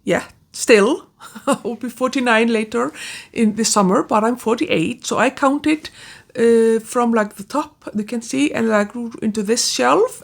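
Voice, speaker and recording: A woman, chatting casually about her books with frequent restarts and trailing asides. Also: fairly high pitch. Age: 40s. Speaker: book vlogger. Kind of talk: casual book-tag chat.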